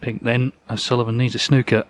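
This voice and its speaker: A man's voice: mid-range voice, little pitch movement, a little fast. A man giving live snooker commentary as a match commentator. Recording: loud crowd and arena noise.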